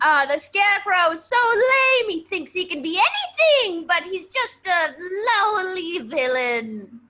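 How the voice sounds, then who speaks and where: A gleeful, scornful arch-villain played by a woman in an improvised comedy sketch. The voice is very high and sharp, drawn out slowly with theatrical mockery. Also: big pitch swings, heavily acted. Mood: mocking. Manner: theatrical, mocking.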